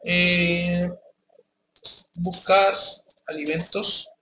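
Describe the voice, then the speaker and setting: A man's voice: high-pitched, flat delivery, drawn-out words, bright, forceful tone. A man teaching a live programming class, talking casually and checking in with his students often. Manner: casual, addresses students directly with frequent checks. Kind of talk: live classroom coding lesson. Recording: echoey classroom with faint noise.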